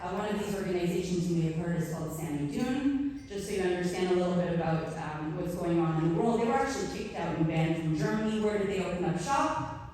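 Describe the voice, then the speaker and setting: A Canadian woman in her forties accepts an award with an earnest, conversational speech to a community audience, using filler words. Her fairly low, slightly mellow voice moves quickly with lively intonation. She sounds distant in an echoey hall.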